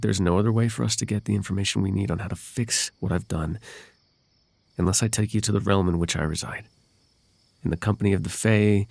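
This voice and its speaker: In an intimate ASMR roleplay, a man plays a possessive, lovelorn fae royal heir, speaking in halting, tender tones with formal, old-fashioned wording. His voice is low, creaky, and a little mellow, and the recording is dry.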